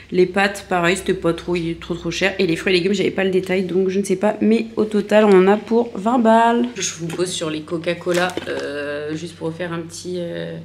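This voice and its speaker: A woman's voice: on the low side, fairly even intonation, normal speed, a little mellow, slight background noise. A woman vlogging casually as an online fitness coach, chatty and informal, with plenty of fillers and restarts. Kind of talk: casual vlog chat.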